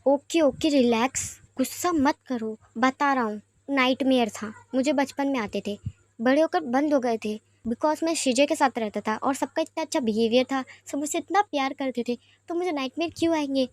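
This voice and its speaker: A woman's voice: high-pitched, moderate pace, no room sound, natural voice. A woman voicing a pouty, childish young man who whines and refuses his food. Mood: confiding.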